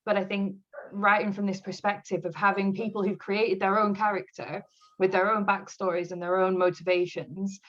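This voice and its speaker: A woman's voice: medium pitch, moderate pace, lo-fi sound, a little hiss or hum. A woman author chatting in an interview, telling stories with frequent laughter. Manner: laughs often, animated storytelling. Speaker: author guest. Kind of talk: casual interview chat.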